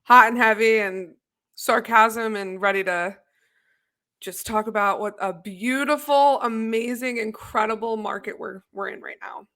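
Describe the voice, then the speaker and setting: Young woman, co-host, chatty, sarcastic, video call, bright voice. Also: fairly high pitch, measured pace. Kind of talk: casual podcast chat. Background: faint music.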